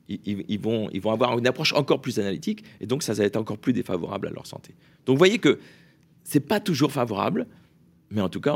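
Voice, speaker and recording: Gravelly man explaining with many hesitations. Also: on the low side. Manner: hesitant, many fillers and restarts. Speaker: researcher guest. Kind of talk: radio interview explanation.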